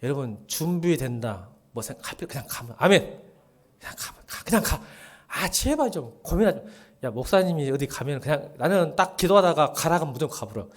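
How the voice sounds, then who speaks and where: A middle-aged man preaches a relaxed midweek sermon in a lively, fairly high voice that rises and falls a lot. He jokes with the congregation, slips into quoted dialogue, and sometimes sinks to a soft murmur. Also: brisk. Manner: chatty and joking, acting out quoted dialogue, often dropping to a murmur. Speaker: pastor.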